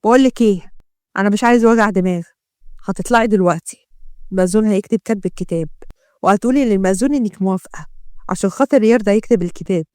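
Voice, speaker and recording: Brief: a woman playing a cold Egyptian mafia boss, low and taunting, dry close voice, storybook reading. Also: a little mellow, clear, resonant tone, no room sound, natural voice. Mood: menacing. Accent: Egyptian Arabic. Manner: low, slow, taunting threats. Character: menacing male mafia boss, cold and threatening.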